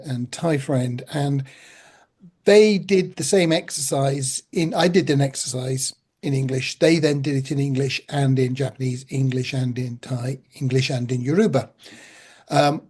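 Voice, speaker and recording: A man hosting a podcast interview, explaining things in a measured way. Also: medium pitch, a little mellow. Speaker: podcast host. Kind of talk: casual interview talk.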